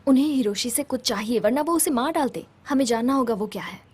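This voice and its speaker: A woman's voice: fairly high pitch, fast talker, darkish tone, slightly rough. A young woman dubbing a cautious female student who reasons carefully, in a Hindi film dub. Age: young adult.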